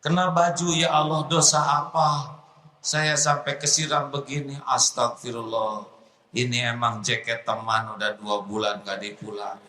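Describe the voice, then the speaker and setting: A man's voice: mid-range voice, flat delivery, measured pace, sharp tone. A man preaching a humorous sermon to an audience, acting out little scenes and sighing astagfirullah often. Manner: playful, acts out little scenes, frequent sighs of astagfirullah. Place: large hall before an audience. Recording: echoey hall with faint noise.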